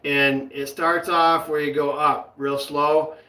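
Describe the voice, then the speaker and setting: A man's voice: a little high, flat delivery, slow, pushed and bright, distant mic, rough recording. A man co-hosting a casual chat, telling rambling, laughing anecdotes. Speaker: co-host.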